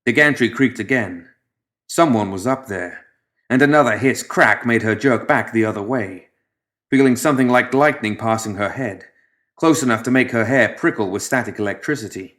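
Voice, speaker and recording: With a mid-range voice, a male audiobook narrator reads a scripted story in a measured, dramatic way, letting the ends of his phrases drop softer.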